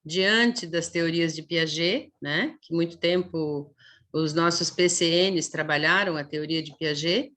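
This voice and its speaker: A woman with a Brazilian Portuguese accent gives a lecture to teachers, explaining things patiently, tagging her sentences with "né?" and drawing sounds out slowly to demonstrate them. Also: deep voice, a bit bright. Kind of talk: online lecture.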